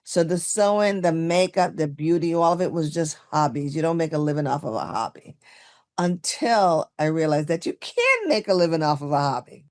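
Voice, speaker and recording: A woman in her sixties, originally from Barbados, telling stories as a guest in a podcast interview, chatty and animated, with fillers and laughs. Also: low voice, moderate pace. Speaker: guest, makeup artist.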